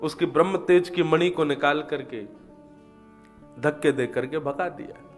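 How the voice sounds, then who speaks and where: A man's voice: a little high, a little slow, soft background music. A man telling a scripture story in a devotional discourse, voicing the characters and chanting verses.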